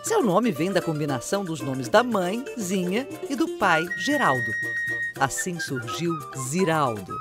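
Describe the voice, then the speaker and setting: A woman reads scripted documentary narration with a measured pace and a lively, rising-and-falling pitch. Clear music plays under her voice.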